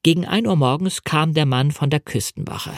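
A man narrating a first-person adventure novel in a measured, clear storytelling manner. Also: on the high side, dry recording, clean studio sound. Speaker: audiobook reader.

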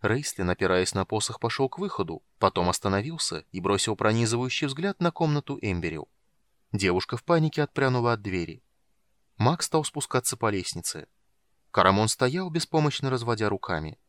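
A man narrating a fantasy audiobook in a steady, measured storytelling voice. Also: on the low side, no echo.

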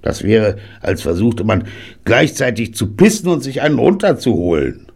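A man's voice: lowish voice, very animated, normal speed, darkish tone, voice pushed up, full character voice. A man reading an audiobook and voicing a cantankerous, scornful 99-year-old grandfather. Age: older. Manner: gruff, scornful, blustering.

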